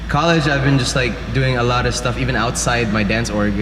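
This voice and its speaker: A man in his thirties from the Philippines, a dancer and teacher chatting casually as an interview guest, relaxed and full of fillers. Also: mid-range voice, fairly quick. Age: 30s. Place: university room. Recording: echoey room, loud background noise.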